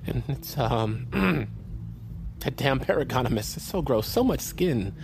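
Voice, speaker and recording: An actor playing a glib, evasive young male slacker in a comedy, rambling and stammering in a deadpan way. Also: medium pitch, a little slow, creaky, noisy background. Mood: feigned sorrow. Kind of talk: comedy film acting.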